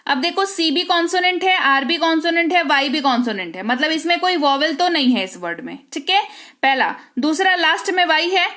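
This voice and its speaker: A woman with a high, fairly bright voice gives an English spelling lesson delivered in Hindi. She spells out each word letter by letter and often checks on the class with rhetorical questions.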